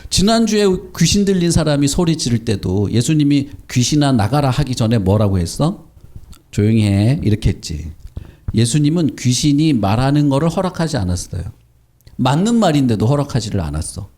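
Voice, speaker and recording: Lively man teaching Sunday school. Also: mid-range voice, a little fast. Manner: animated, asks children questions and acts out quotes; speaks informally to children. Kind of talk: children's sermon.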